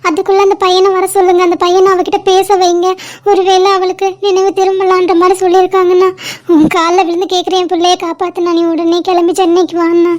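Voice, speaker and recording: A sobbing cartoon aunt begging for help, played by a woman. Her voice is very high and thin and barely moves in melody. She keeps pleading through tears. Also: monotone, quick pace. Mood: tearful. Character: distraught aunt pleading over the phone, tearful. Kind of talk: cartoon voice acting.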